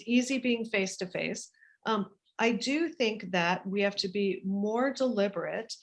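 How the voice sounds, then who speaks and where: A woman guest speaking over a video call, animated and emphatic, often repeating words to stress a point. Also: fairly high pitch. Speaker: guest, business author. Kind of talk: casual interview chat.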